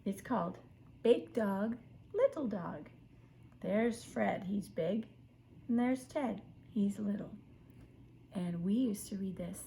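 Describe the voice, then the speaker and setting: Sweet old lady, grandma reading a kids book nice n slow, husky creaky voice. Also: medium pitch, mellow, slight background noise. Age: older. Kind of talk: read-aloud children's picture book with asides.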